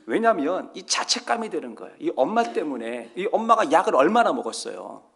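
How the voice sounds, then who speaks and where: Guy pastor giving a sermon, slightly high voice, bounces around a lot, tells stories and quizzes the church. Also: brisk, vocal fry, slightly rough. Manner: animated storytelling, quotes voices, asks the congregation questions. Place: church sanctuary.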